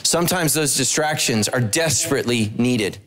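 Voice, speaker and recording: A man's voice: normal speed, slight background noise. A middle-aged man, a pastor, preaching a sermon on a large church stage into a handheld microphone, telling stories with humorous asides. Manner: animated storytelling with humorous asides, pitch swinging widely.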